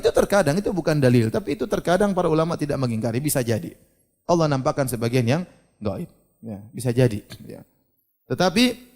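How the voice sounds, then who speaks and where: Man, preacher, religious lecture, fairly high voice, animated, asks the crowd questions. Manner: animated, asks the audience questions, acts out screams.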